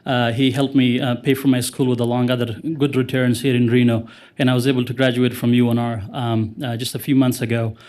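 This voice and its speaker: A man's voice: mid-range voice, level tone, brisk, few pauses, a little mellow. Earnest man. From Afghanistan. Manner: earnest, grammar slips, fervent. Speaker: former interpreter speaking to council. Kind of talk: public remarks at a council meeting.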